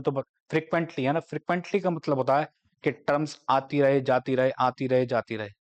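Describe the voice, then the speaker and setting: A man giving a math lecture, explaining step by step and slowing down to dictate definitions. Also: medium pitch, dull audio. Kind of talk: classroom lecture.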